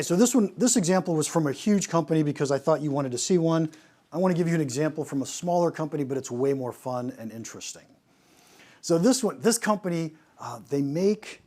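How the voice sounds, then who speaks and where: A man, a pricing consultant, giving an animated presentation on pricing, asking rhetorical questions and often restarting his sentences. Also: fairly high pitch.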